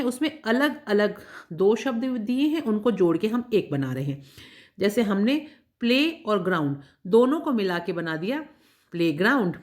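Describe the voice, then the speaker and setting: A woman teacher taking schoolchildren through a workbook lesson, patiently spelling words out letter by letter and checking they follow along. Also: on the high side. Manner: addresses children directly, checking understanding. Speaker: English teacher.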